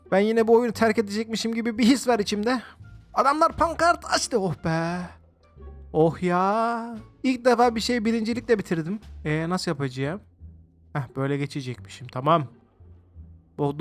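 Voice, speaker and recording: A man excitedly commenting on his own gameplay, exclaiming often and chatting to his viewers as he plays. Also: high voice. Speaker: gaming video host. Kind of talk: let's-play game commentary.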